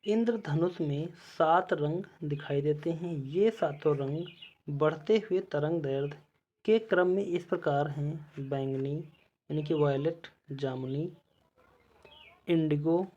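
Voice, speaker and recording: A man teaches an exam-prep lesson and reads each quiz question and its options in turn. His delivery is slow and measured. The recording sounds dull and lo-fi. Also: a little high, a little mellow.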